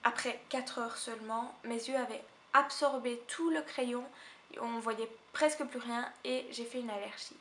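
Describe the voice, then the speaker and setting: A woman's voice: a little high, steady tone, measured pace, fairly bright tone, a little hiss or hum. A woman with a Belgian French accent, chatting to camera about makeup in a casual, hesitant way, often trailing off and correcting herself. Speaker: beauty vlogger.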